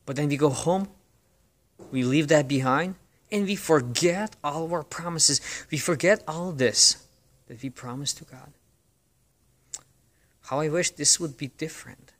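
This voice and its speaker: A man's voice: a little high, a bit bright. A man giving a short devotional talk, earnest and exhorting, repeating phrases for emphasis.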